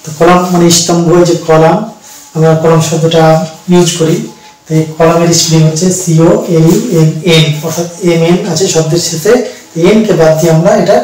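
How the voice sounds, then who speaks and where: A man teaching an English pronunciation lesson, patiently explaining step by step and repeating words slowly for learners. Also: a little high, fairly even intonation, a little mellow. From Bangladesh. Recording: very echoey room, mic at a distance.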